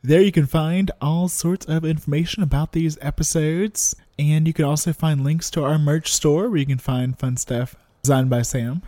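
Man, podcast co-host, playful storyteller, mellow dark tone, dry close sound. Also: on the high side, steady tone, moderate pace, hardly any pauses, no echo. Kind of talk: casual chat.

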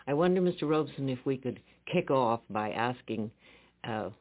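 A man interviewing a guest in a radio studio, heard as an old radio broadcast; he speaks in a measured, polite way with hesitant pauses. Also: medium pitch, expressive. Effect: old radio broadcast sound. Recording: narrow-band 1950s radio archive.

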